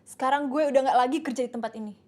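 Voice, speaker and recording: A woman's voice: sits high, fairly even intonation, rapid-fire, darkish tone, close to an everyday voice. An actress playing a young female dancer who has just been fired, talking indignantly in casual slang in film dialogue.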